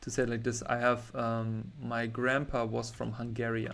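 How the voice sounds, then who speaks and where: A man's voice: mid-range voice, completely flat delivery, moderate pace, creaky, fairly bright tone. Chatty German man streaming art. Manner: rambling, self-interrupting, chatty with viewers. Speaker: artist streaming a drawing session. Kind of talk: casual livestream chat while drawing.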